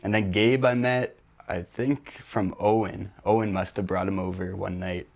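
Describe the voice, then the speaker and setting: A man's voice: deep voice, fairly even intonation, normal speed, vocal fry. A young man from Ontario, telling in a casual, rambling way how he met his friends in a documentary interview. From Ontario, Canada. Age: young adult.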